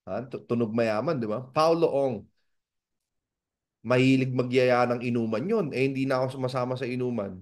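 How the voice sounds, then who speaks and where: A man from the Philippines giving a motivational seminar talk as a business mentor, animated and asking the audience rhetorical questions. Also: mid-range voice, normal speed. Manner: animated, acts out dialogues in raised voices.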